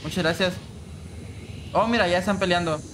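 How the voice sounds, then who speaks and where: Slangy young Mexican streamer, high voice. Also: male voice, moderate pace, background noise. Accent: Mexican Spanish. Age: 20s. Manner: slangy, chatty, hums and bursts into shouts. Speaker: game streamer. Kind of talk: casual live-stream chat.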